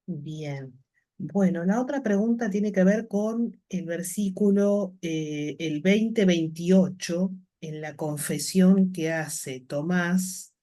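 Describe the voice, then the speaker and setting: A woman with a Rioplatense Spanish accent, a course participant, putting measured questions to the teacher. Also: deep voice, mellow.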